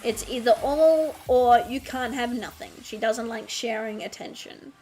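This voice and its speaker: A woman's voice: fairly high pitch, measured pace, a little mellow, soft background music. A young adult woman with an Australian accent, chatting casually on a livestream, swearing freely and breaking off to scold her dog. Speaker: streamer.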